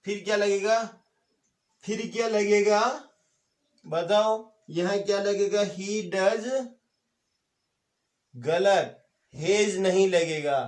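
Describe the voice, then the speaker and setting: A man teaching an English grammar lesson online, explaining step by step, asking questions and answering them himself. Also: high voice. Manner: repeats key examples slowly for note-taking.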